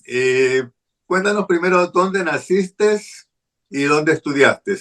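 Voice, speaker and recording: A man's voice: a little high, lively intonation, takes it slowly, fairly bright tone. A man hosting an interview, friendly and asking short prompting questions. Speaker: host.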